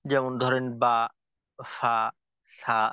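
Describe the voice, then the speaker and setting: Measured man teaching a lesson, dry lo-fi. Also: mid-range voice, little pitch movement, sharp tone, clear, resonant tone, no room sound. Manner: measured, explanatory, with frequent pauses and fillers. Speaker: tajweed teacher. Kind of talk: recorded lesson lecture. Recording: dull lo-fi recording, dry.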